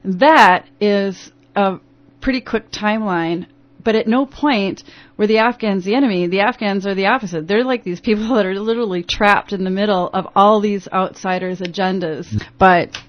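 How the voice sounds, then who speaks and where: A woman's voice: medium pitch, moderate pace. Rambling woman guest on AM radio. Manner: rambling, full of restarts and fillers. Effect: AM radio broadcast sound. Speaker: interview guest, youth program founder. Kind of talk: radio interview. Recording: dull lo-fi AM radio broadcast.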